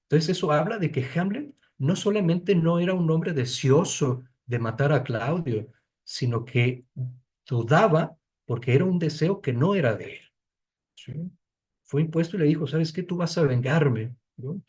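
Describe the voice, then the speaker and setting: A man's voice: fairly high pitch, moderate pace, a little mellow. A man giving an explanatory lecture to a study group, thinking aloud with frequent restarts and checking in with tag questions. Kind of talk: explanatory lecture on a literary reading.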